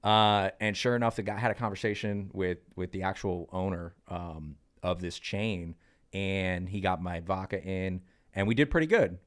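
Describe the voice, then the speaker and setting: A man in his mid-thirties with a fairly low voice spins career stories on a casual podcast into a studio mic. He sounds chatty and animated, speeding up in bursts and tossing in "uh" and "um" along the way. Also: smooth. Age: 30s. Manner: lively, chatty, quick bursts with fillers. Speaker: podcast co-host. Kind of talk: casual storytelling in podcast chat.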